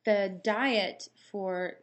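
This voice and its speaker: A woman's voice: mid-range voice, drawn-out words. A woman with a dry mouth, recovering after surgery, chatting casually to camera in a rambling, anecdotal way. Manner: rambling, anecdotal, acts out quoted exchanges. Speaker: vlogger. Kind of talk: casual chat to camera, personal storytelling.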